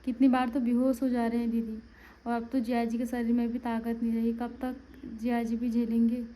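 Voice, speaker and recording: A woman's voice: on the high side, completely flat delivery, fairly quick, mellow, slight background noise, rough recording. A woman with a Pahadi accent chatting to viewers in a casual home vlog, turning to coo at a baby. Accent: Pahadi Hindi. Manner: talks to viewers, then coos to a baby. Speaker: family vlogger. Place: home, indoors.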